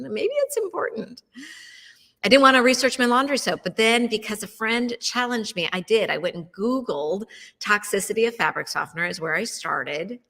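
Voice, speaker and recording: A woman's voice: medium pitch, creaky, bright, forceful tone, in a large hall. A middle-aged woman host telling a casual story to her listeners, chatty and full of questions and fillers. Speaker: wellness show host.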